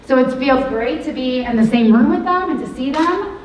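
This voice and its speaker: A woman's voice: high-pitched, animated, moderate pace. A woman who is a drama teacher gives a rambling, enthusiastic welcome speech from a school auditorium stage. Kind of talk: welcome speech to a live audience. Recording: echoey hall, far from mic, faint hiss.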